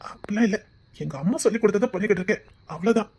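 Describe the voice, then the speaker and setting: Woman playing a shy, husky-voiced young man with a Tirunelveli accent. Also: mid-range voice, racing, darkish tone. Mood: shy, apologetic. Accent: Tirunelveli Tamil. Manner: hesitant, stammering, apologetic. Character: shy tender young man, tearful and devoted. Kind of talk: web-series drama acting.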